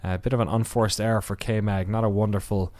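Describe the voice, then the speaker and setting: A man's voice: lowish voice, steady tone, fairly quick, darkish tone, dry recording. A man hosting a podcast, giving a casual race recap with wry asides, rambling through many fillers and restarts. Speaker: podcast host.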